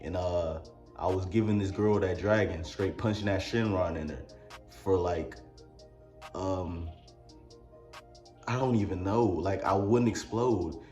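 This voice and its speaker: A man with a Mississippi drawl rambles through a comedic album review, tossing in crude jokes. His voice sits fairly low and rings in a roomy, echoey space. Faint music plays behind him. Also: a little slow, long pauses, a little mellow. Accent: Mississippi Southern US. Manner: rambling, crude joking asides.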